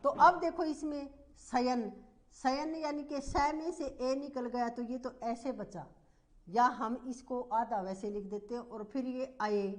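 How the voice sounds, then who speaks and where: A woman teacher giving a slow, repetitive grammar lesson, asking the class questions as she explains. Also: fairly high pitch. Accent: Hindi.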